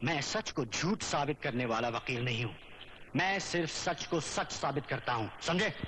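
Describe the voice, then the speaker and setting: A man's voice: medium pitch, expressive, moderate pace, fairly bright tone, slight background noise, lightly acted. An actor playing an earnest, principled young male lawyer who speaks firmly and defiantly, in 1980s film drama dialogue. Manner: earnest, firm, declaiming.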